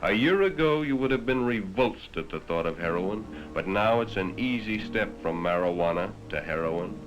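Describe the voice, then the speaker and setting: Animated yet grave, an American man with a lowish voice delivers scripted narration at a moderate pace, addressing the listener head-on. His dramatic, moralizing manner recalls a 1960s educational film. The sound is a muffled vintage 1960s film soundtrack, with prominent music.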